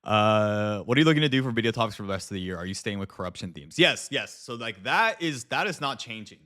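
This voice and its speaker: A man with a lowish, animated voice talks fast in a sharp tone. He's livestreaming and chatting casually with viewers, using slang and some swearing, as a live streamer and video creator.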